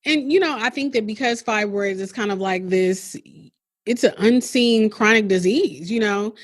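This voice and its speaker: A woman's voice: mid-range voice, normal speed. A woman hosting a podcast, emotional and heartfelt as she thanks her guest and closes the episode. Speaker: podcast host. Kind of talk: podcast interview and outro.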